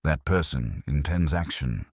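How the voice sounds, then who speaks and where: Speaking in a bass voice, a little slowly, a man takes the role of an imperious, unhurried older detective genius who is stern and calculating. Grave and commanding, he issues formal, flat pronouncements in a heavy, weighty tone. The studio audio has no echo.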